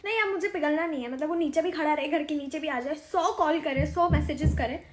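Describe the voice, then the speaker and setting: Woman sketch performer, high voice, firm and venting. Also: brisk, slight background noise. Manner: resolute, venting. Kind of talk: comedy sketch acting.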